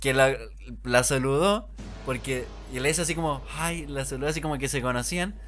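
Young co-host chiming in. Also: male voice, mid-range voice, brisk, a bit bright, faint music behind. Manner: chimes in with short quips and reactions. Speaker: podcast co-host. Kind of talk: casual chat.

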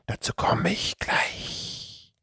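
A man's voice: sharp tone, no echo, clean studio sound. Man whispering as a sly cat-headed serpent. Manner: hissing, sly, slow whisper.

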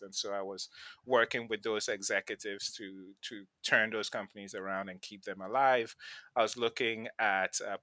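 A man from Ghana, middle-aged, shares his story as an interview guest. His voice is bright and forceful, recorded close and dry. He often restarts a sentence by repeating its first word. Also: fairly low pitch, no echo. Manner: thoughtful, repeats words when starting sentences. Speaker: podcast guest, venture investor.

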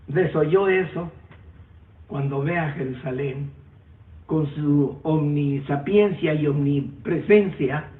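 A man preaching a sermon with emotional swings from loud emphatic peaks to low quiet passages. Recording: echoey phone-like recording from far off.

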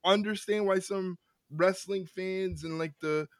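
A man co-hosting a casual wrestling podcast, ranting with lots of repeated words and quick laughs. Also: sits high, fairly even intonation, dry recording. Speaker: podcast co-host.

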